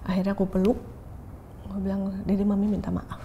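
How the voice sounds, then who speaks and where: A woman's voice: medium pitch, monotone, a little fast, lo-fi sound, a little hiss or hum. Candid woman sharing her story. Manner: open, reflective, switches into English phrases. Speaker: pastor and interview guest. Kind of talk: candid interview testimony.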